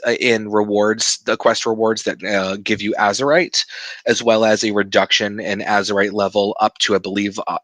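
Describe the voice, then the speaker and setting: Bright-voiced teasing podcast host man. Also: medium pitch, dry recording. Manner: upbeat, teasing, quick asides. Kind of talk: casual gaming podcast chat.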